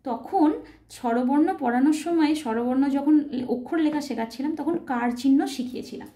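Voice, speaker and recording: Woman teacher, high voice, patient, spells words letter by letter, asks "right?" often, roomy echo. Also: warm tone. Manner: checks understanding with short questions. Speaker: Sanskrit teacher. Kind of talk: recorded grammar lesson.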